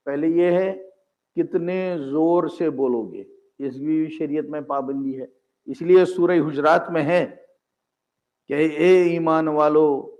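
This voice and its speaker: An older man giving an earnest sermon in a mosque, explaining his points patiently and reciting Arabic phrases between them. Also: a little high. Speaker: Islamic scholar and preacher. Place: mosque gathering. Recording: dull, muffled lo-fi recording.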